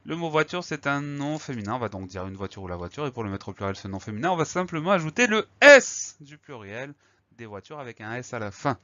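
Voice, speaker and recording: A male teacher giving a spelling lesson, calmly explaining each word and spelling it out letter by letter. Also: medium pitch, no room sound. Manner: patient, spells words letter by letter. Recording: slightly dull lo-fi recording.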